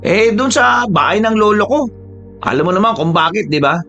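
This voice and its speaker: Excitable young friend, voiced by a male narrator; fussy, high and lively. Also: moderate pace, creaky, muffled recording, soft background music, full character voice. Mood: secretive. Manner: fussy, exasperated, talkative. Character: excitable young man, loyal worried friend.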